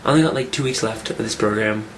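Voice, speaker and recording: A fitness vlogger rambles quickly through his casual weekly update, his low voice still rough from a cold he's recovering from. He keeps looping back to restart sentences, and a constant hiss sits beneath the recording.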